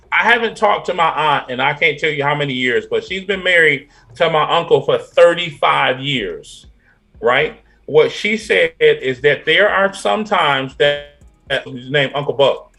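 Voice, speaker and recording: A man with a high, bright voice co-hosts a panel discussion. He tells a story in a measured, deliberate way. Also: animated. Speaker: podcast co-host.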